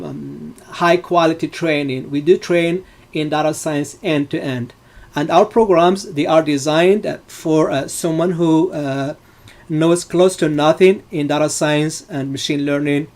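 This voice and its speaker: A middle-aged man from Morocco, with a fairly high voice, leads a live online data science class. He explains each step patiently and fills his pauses with many ums and uhs. He often restarts his sentences as he goes. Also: steady tone. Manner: explanatory, frequent fillers and restarts.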